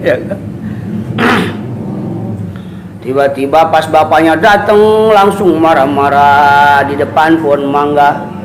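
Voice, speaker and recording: Male teacher, talking slowly and chattily to students; echoey room, faint background noise. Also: a little high, steady tone. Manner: chatty, asks "ya kan?" often, acts out quoted voices with laughs. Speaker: Islamic teacher giving a kitab study. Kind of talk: casual religious lesson to students.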